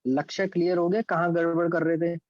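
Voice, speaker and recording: With a fairly high, steady voice and a brisk pace, a physics and maths teacher with an Indian accent teaches calculus step by step in an online class. He weaves English terms into Hindi and checks on students by name, and the lo-fi recording has no echo.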